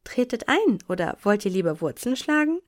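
A woman voicing a calm, direct, self-assured girl in a storybook reading. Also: on the high side, slow, breathy edge, full character voice. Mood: composed. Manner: composed, direct.

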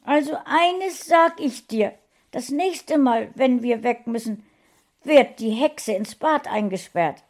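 A woman's voice: on the high side, expressive, a little slow, mellow, pitched above the performer's own voice. A woman voicing an upset middle-aged housewife who keeps scolding her cat, in a storybook reading. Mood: shrill scolding. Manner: scolding, exclaiming.

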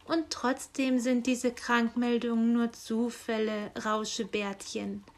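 A woman's voice: a little high, flat delivery, slow. A woman reading aloud and voicing an insistent female helper angel who coaxes with cooing pet names. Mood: coaxing.

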